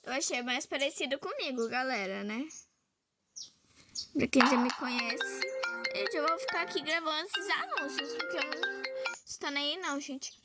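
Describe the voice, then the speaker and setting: A young Brazilian woman with a high voice and a Brazilian Portuguese accent records on her phone while playing a mobile game, speaking at a moderate pace with frequent pauses over loud music. As a gaming vlogger, she keeps up a casual, chatty stream of talk aimed directly at her viewers.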